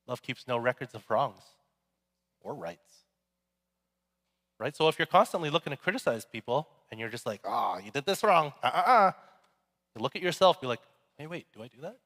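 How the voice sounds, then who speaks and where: A man's voice: mid-range voice, a bit bright. A male pastor giving a sermon in a casual, joking, conversational way. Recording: echoey hall.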